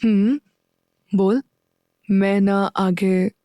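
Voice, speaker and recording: A woman voicing an affectionate young man who gently teases his partner. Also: medium pitch, steady tone, no room sound, clean studio sound, close to an everyday voice. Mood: tender. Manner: soft, slow and tender.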